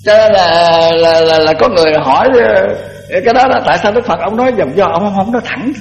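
An older monk preaches in a high-pitched, homespun way and keeps repeating his words. His voice rings through a long-echoing hall. The recording is dull and lo-fi, with faint music underneath. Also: fairly quick, gravelly. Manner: folksy, repeats words, chants verse. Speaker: Buddhist monk giving a dharma talk. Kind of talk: sermon.

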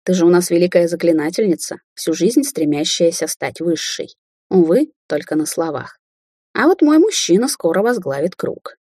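Woman voicing a scornful young witch daughter, husky, storybook read. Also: on the low side, expressive, normal speed, mellow, no room sound, clean studio sound. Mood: mocking. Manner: sarcastic, taunting. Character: young adult woman sorceress, mocking daughter. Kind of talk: audiobook character voicing.

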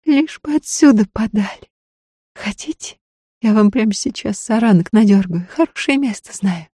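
A woman voicing a desperate young peasant woman who begs in a hoarse, breathless voice. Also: medium pitch, expressive, normal speed, mellow, no echo, clean studio sound, voice pushed up. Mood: eager. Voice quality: hoarse from agitation. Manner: pleading, breathless.

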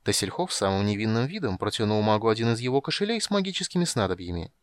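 Expressive male audiobook narrator. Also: on the low side, fast talker. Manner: expressive storytelling. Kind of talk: scripted narration.

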